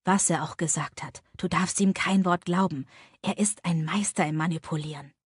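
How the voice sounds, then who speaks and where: A tender young man speaks low and soft to the woman he loves, as a woman reads him in a romance audiobook. The voice is husky and breathy, and it sits close and dry with no room around it. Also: moderate pace, no room sound. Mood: hushed.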